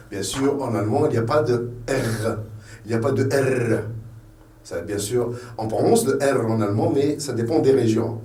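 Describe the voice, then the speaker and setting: A man's voice: medium pitch, mellow, roomy sound, far from the mic. A man with a Tunisian French accent teaching a beginner language lesson, patiently repeating each letter and sound.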